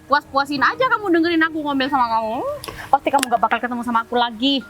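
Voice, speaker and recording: Wanita memerankan mantan sombong yang sinis. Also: female voice, high-pitched, fast, over music, natural voice, low-quality recording. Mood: scornful. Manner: sneering, scolding, dismissive. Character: arrogant snobbish young woman, scornful ex-girlfriend. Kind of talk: web drama acting. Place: outdoors in a public place.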